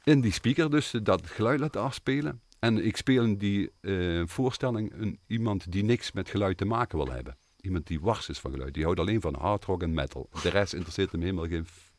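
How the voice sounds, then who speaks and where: A man speaks as an interview guest, earnest and hesitant as he tells his stories. His voice sits low, yet his pitch swings widely whenever something moves him. The sound is dry and close. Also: a little fast, hardly any pauses, no echo. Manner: animated, earnest storytelling with many hesitations. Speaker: guest, theatre maker and composer. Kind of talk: conversational interview.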